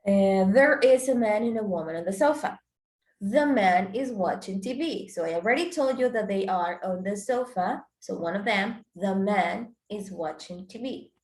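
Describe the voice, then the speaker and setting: A woman teaches English grammar in a class, walking through each rule step by step. She moves between Spanish explanations and English example sentences. Her voice is of middling pitch and carries a roomy echo. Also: animated, measured pace, darkish tone. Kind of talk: online class lesson.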